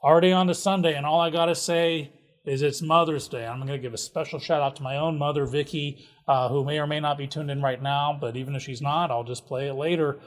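A man's voice: fairly high pitch, fairly even intonation, a little fast. Chatty man reading local listings. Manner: chatty, jokey, with asides. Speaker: local events host. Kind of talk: casual community calendar rundown.

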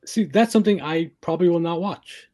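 A man co-hosts a casual chat and playfully needles his partner. He talks in halting bursts and pauses as he thinks. His voice sits a touch high. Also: a little mellow. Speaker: co-host.

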